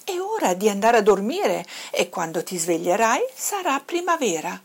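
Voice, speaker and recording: A woman's voice: mid-range voice, big pitch swings, normal speed, slightly rough. A woman voicing a sleepy, patient mother bear who grumbles drowsily in a storybook.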